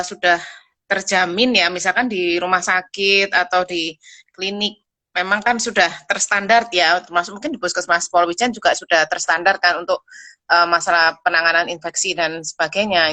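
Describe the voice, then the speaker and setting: A woman's voice: on the low side, steady tone, normal speed, pushed and bright. A woman answering as a guest dental expert on a live call, explaining in a reassuring but hesitant, informal way. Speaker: guest expert, pediatric dentist. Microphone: live video call.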